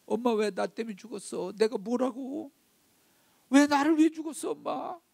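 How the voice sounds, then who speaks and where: A man's voice: animated, normal speed, vocal fry, darkish tone, breathy edge, dry recording, full character voice. A man voicing an anguished young adult man who wails and pleads in tears to his dead mother. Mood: sobbing. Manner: wailing, high strained pleading.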